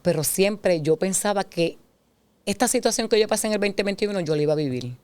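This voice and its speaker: A woman's voice: mid-range voice, fairly quick, clear, resonant tone, dry recording. A middle-aged woman, sharing a personal testimony in conversation and acting out past exchanges as she tells it. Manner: animated storyteller who acts out past dialogue. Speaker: guest sharing her testimony.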